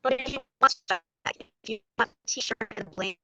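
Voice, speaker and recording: Guest, woman, bright and sharp-toned, heard over a corrupted, dropping-out video call line. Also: a little high, normal speed, dry recording. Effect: glitchy audio cutting out over a bad internet connection. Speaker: guest self-advocate. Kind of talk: casual chat. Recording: dull lo-fi video call audio.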